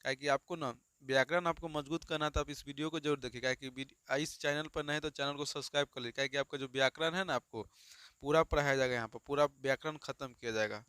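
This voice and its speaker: A man's voice: medium pitch, steady tone, fast talker, fairly bright tone, clear, resonant tone, no echo, studio quality. A man teaching a grammar lesson, asking and answering his own questions over and over. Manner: repetitive call-and-response questioning.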